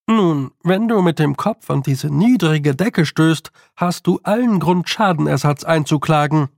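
A man's voice: fairly high pitch, unhurried, gravelly, darkish tone, dry recording, clean studio sound. A man voicing a fussy, lawyerly talking toad. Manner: prim, apologetic, pedantic.

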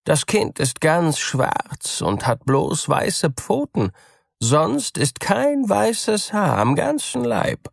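A man's voice: fairly high pitch, very animated, slow pace, gravelly, husky, no room sound, clean studio sound, pitched above the performer's own voice, exaggerated voice. A man voicing a greedy, sly female cat in a fairy tale, with a smug, sweet-talking manner.

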